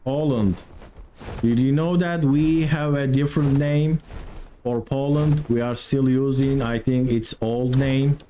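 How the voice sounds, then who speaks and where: A Turkish game streamer with a heavy accent chats with viewers while playing, answering them in halting English as he hunts for words. He speaks slowly and evenly in a mid-range voice, his tone flat and mellow, with faint noise humming underneath.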